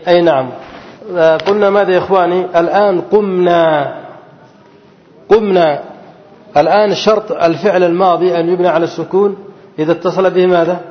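A man's voice: steady tone, racing. A man teaching a grammar lesson, repeating rules and putting questions to his students. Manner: repeats and drills, asking students to fill in answers. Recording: roomy hall, dull low-fi sound.

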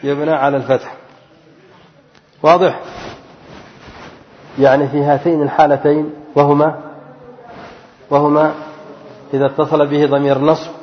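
A fairly high-voiced man teaches grammar to a class, firing questions at the room and answering them himself. His voice carries a long reverb from a large hall. The recording sounds dull and lo-fi. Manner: asks the class questions and repeats the key answer; stretches out example words slowly. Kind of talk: classroom grammar lesson with call-and-response questions.

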